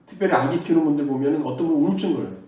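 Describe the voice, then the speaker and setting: A man's voice: on the high side, racing, mellow. A male pastor preaching a sermon, earnestly urging his congregation and leading them in call-and-response. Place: church sanctuary. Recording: echoey hall from far off.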